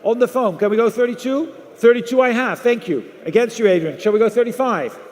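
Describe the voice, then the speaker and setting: A man's voice: very high-pitched, a little fast, darkish tone. A man working as an auctioneer, calling bids live and repeating numbers over and over. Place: large auction room. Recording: echoey hall through PA.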